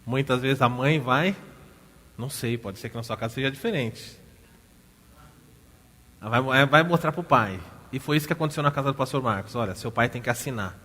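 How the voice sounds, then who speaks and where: A man's voice: medium pitch, a little fast. Brazilian man preaching in an echoing church. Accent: Brazilian Portuguese. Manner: animated storytelling, rhetorical questions to the congregation. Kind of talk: sermon. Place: church hall. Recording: church hall reverb.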